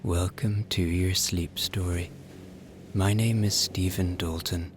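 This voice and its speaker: Slow, deep-voiced Irish sleep story narrator. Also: male voice, fairly even intonation. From Ireland. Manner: soothing, unhurried, with long pauses and soft breathy phrase endings. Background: music behind the voice.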